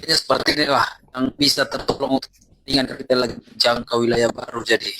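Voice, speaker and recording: A man's voice: medium pitch, little pitch movement, quick pace, sharp tone, slight background noise, low-quality recording. A man, a pastor, joining a live online debate by call, his voice breaking up over a choppy connection as he halts and restarts sentences. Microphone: remote call microphone.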